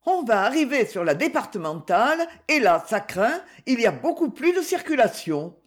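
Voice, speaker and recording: A reader voicing a spry, sharp-tongued woman in her seventies who speaks with urgency and wry humor. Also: a little high, sing-song, normal speed, voice pushed up. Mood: tense. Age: 70s.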